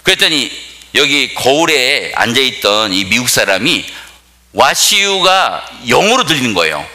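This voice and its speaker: A man's voice: medium pitch, sing-song, measured pace, sharp tone. A male pastor preaching a sermon, telling jokes and often asking the audience questions. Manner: joking, asks the audience questions.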